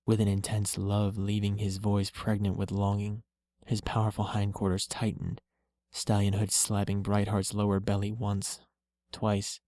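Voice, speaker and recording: A man reading a story aloud in a slow, steady, low-key way. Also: dry recording, clean studio sound. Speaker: reader.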